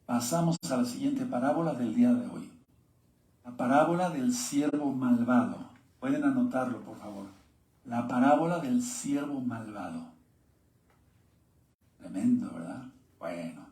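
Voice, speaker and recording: A man's voice: mid-range voice, animated, measured pace, long pauses, dark tone, echoey room. A man, teaching a sermon-style Bible lesson and reading scripture aloud with asides to his viewers.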